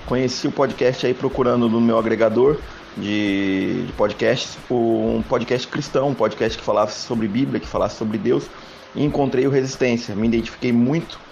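A man's voice: medium pitch, normal speed, vocal fry, darkish tone, highs cut off, slight background noise. A man in his twenties from Brazil, enthusiastically recording a message of thanks to a podcast he listens to. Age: 20s. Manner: enthusiastic, formal greeting.

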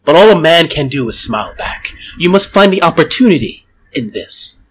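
A man voicing a calm male tea server devoted to dragons, speaking slowly and persuasively. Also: a little high, slight background noise. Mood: solemn. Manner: calm, slow, hypnotic persuasion.

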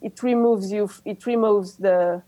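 Guesting in a casual interview, a native French speaker with a French accent discusses coaching with enthusiasm, halting and restarting many times. She has a mellow mid-range voice with fairly even intonation, and there's no room sound.

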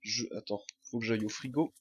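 A man co-hosting a casual podcast, talking through a headset in a lively, self-mocking way. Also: lowish voice, fairly quick, husky. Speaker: podcast co-host. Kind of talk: casual chat.

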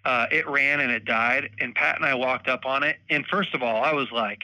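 Male guest, casual storyteller, bright forceful tone, dry close sound. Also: medium pitch, normal speed, no echo, rough recording. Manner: animated, laughs often, acts out moments. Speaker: podcast guest, bowhunter.

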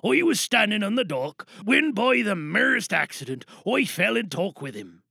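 An actor voicing a stiff man who reads a formal letter in a measured, lower voice. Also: sing-song, creaky, bright, forceful tone, husky, no room sound, clean studio sound, full character voice.

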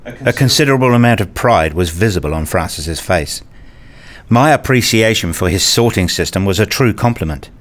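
In a scripted radio play, an actor with a low, animated voice plays an enthusiastic, curious grown man narrating his visit. He speaks at a normal speed, and the first-person narration and acted dialogue have a measured, reflective mood.

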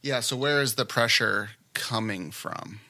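A man's voice: medium pitch, measured pace, pushed and bright. A man running a practice case as examiner, chatting casually and explaining with everyday analogies. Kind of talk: casual teaching and feedback.

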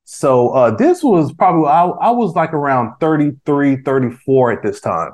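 A podcast guest in his forties chats casually, his voice leaning high, darkish in tone and expressive, delivered at a normal speed. The talk rambles, with many restarts, plenty of fillers and street slang.

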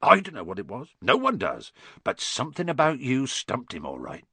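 A man voicing a huge, kindly, bearded giant who talks roughly with dropped grammar, read as an audiobook character. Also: mid-range voice, wildly swooping pitch, moderate pace, pushed and bright, dry recording, exaggerated voice. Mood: musing.

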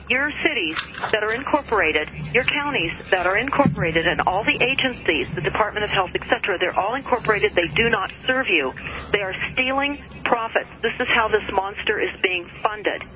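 A woman's voice: medium pitch, lively intonation. Alarmed woman guest on lo-fi talk radio. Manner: earnest, alarmed conspiracy talk, halting with ums. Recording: dull phone-in audio with noise.

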